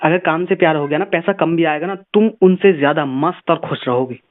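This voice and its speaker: A man's voice: on the high side, fairly quick. A man giving earnest, preachy motivational advice on a phone call, repeating words for emphasis. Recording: tinny phone line.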